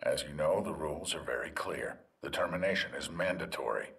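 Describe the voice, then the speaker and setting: An actor playing a grave, rule-bound doctor in a video game, speaking in a formal, measured, clinical way. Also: male voice, extremely low pitch, creaky, a bit bright, exaggerated voice.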